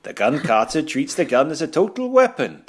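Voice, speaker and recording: A man's voice: fairly high pitch, very animated, normal speed, breathy edge, pitched above the performer's own voice. A man putting on a mock-Welsh accent, voicing a pompous male film villain who reads out gun-combat doctrine in an overblown way. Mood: mock-solemn. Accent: put-on Welsh.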